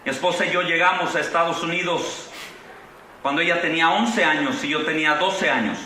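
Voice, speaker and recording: Recorded distantly in a large, echoing convention hall with slight hiss or hum, this middle-aged Mexican pastor speaks a little fast and fairly high in pitch. His Mexican Spanish-accented sermon moves from fervent preaching full of rising exclamations into relaxed storytelling.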